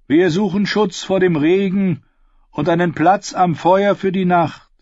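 Man voicing a humble holy man, earnest and courteous, raised voice, husky, audiobook. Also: sits high, steady tone, a little slow, darkish tone, dry recording, muffled recording, pitched above the performer's own voice. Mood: pleading. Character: humble, pleading old holy man, a septon.

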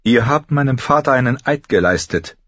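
A proud noble lady, read by a male narrator who speaks firmly and evenly, holding back her anger. The storybook voice is husky and slightly raised from his low baseline. The recording is dry and somewhat dull. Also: lively intonation, a bit bright, dry recording. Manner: firm, measured, defiant. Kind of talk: audiobook character voice.

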